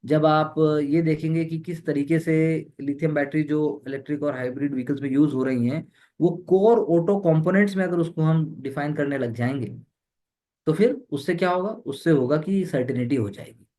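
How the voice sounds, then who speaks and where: Higher-voiced male exam tutor. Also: moderate pace, mellow. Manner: code-switching, repeats words, leans on fillers. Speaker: exam prep teacher. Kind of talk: explaining news editorials to students.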